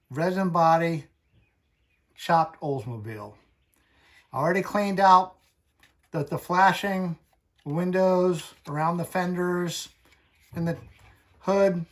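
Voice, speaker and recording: A man hosting a hobby channel, talking through a casual tutorial in a chatty, folksy, unhurried way. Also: sits high.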